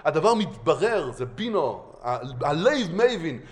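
Animated, high-pitched male Torah lecturer. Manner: animated, emphatic, with many restarts. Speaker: rabbi.

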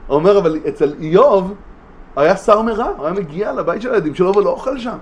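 A man giving a religious study lesson, animated, with emphatic rhetorical questions and frequent restarts. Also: sits high. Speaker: Torah teacher.

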